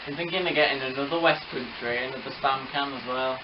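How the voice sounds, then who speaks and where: A man's voice: mid-range voice, quick pace, echoey room, lo-fi sound, background noise. A man chatting about his model trains, sometimes breaking into playful race-caller bursts. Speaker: model railway hobbyist. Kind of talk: casual chat with bursts of mock race commentary.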